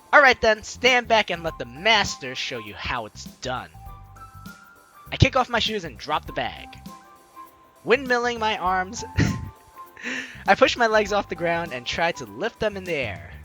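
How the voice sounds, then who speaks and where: With a high, bright voice and forceful tone, a young man plays host in a let's play, reading a visual novel aloud and remarking on it. Game music runs underneath while he jokes around theatrically and playfully.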